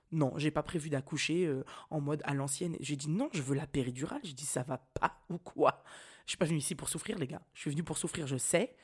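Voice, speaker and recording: A woman's voice: low-pitched, slightly rough. Young woman podcaster telling her story, super casual and slangy, lots of laughing. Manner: slangy, animated, laughs often. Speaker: podcast host.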